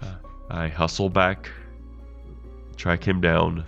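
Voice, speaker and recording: A man role-plays in a tabletop game with a deep, creaky voice. He phrases things in a wordy, genteel way. The sound is slightly dull, with music underneath. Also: little pitch movement, slow pace, a bit bright. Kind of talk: casual in-character role-play. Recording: dull lo-fi mic, music behind.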